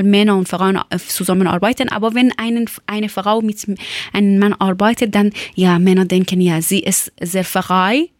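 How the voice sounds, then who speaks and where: Woman, young, from Iran, slow halting speech, searches for words, dry recording. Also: mid-range voice, no echo. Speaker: former teacher telling her story. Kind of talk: personal testimony in learner German.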